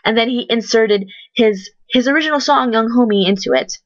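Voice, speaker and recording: A woman's voice: fairly high pitch, fairly quick, no echo, lo-fi sound. A woman giving a casual, opinionated spoken review, blunt and chatty, with lots of fillers and restarts. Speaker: vlogger reviewing a TV talent show.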